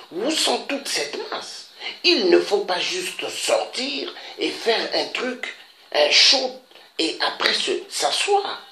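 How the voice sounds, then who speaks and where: A man from Africa making an impassioned, repetitive public appeal, pleading with his listeners and pausing on interjections. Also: high-pitched, bright, forceful tone. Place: Paris. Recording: echoey room with faint noise.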